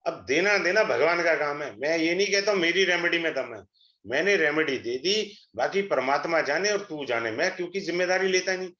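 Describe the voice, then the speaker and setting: A middle-aged man giving an astrology webinar, a persuasive, salesy pitch that mixes Hindi and English. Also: lively intonation, a little fast, bright, forceful tone. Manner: switches between Hindi and English. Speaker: astrology teacher. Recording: echoey room, dull lo-fi sound.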